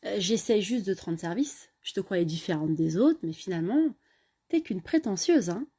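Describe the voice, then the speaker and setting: A woman doing a pushy young dude hitting on someone, casual, mellow low-key voice. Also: expressive, fairly quick, lightly acted. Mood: persistent. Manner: casual, persistent. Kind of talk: storytelling voice acting.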